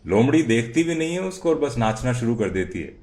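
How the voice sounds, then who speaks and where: A man's voice: mid-range voice, very animated, a little fast, darkish tone. A man narrating a children's story dramatically, with sound words and idioms.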